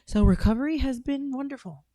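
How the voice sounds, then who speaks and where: A woman runs a call-in podcast as a laid-back chat, speaking bluntly, cursing freely and laughing a lot. Her voice is high and somewhat dark, and her delivery a touch quick. The studio-quality recording has no echo.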